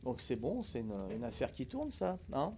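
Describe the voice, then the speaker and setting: A man's voice: medium pitch, big pitch swings, normal speed, gravelly, mellow. Older guy streaming a survival game, chatty, lots of ums and tag words, faint hiss behind. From Corsica. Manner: chatty, folksy, full of hesitations and tag words. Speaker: gaming streamer. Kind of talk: casual live gameplay commentary.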